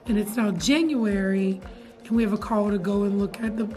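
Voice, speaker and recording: A young woman, a teacher chatting casually to camera in her classroom, animated and full of fillers. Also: medium pitch, normal speed, soft background music. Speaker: middle school science teacher. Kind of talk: casual vlog chat. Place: classroom, indoors.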